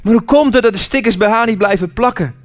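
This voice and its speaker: A man's voice: high-pitched, fast talker, soft background music, pitched above the performer's own voice, natural voice. A man voicing a small, timid wooden puppet boy who talks in a hesitant, wondering way. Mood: earnest.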